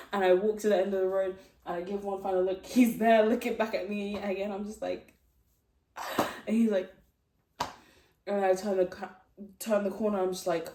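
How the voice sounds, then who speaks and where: A woman's voice: mid-range voice, mellow, a little hiss or hum. A young woman casually telling a story, giggly and rambling with lots of fillers. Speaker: vlogger. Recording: echoey room, distant mic.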